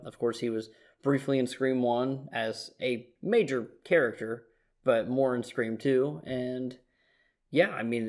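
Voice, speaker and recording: A man co-hosting a podcast, reflective and agreeable, giving his take on a film with frequent "you know"s. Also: mid-range voice. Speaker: podcast co-host. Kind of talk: casual movie review chat.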